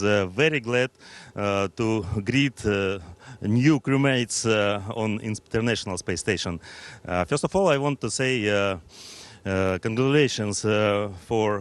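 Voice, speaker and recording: A man with a Russian accent, a native Russian speaker, giving a formal welcome as station commander, haltingly and with many fillers as he searches for words. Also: on the low side.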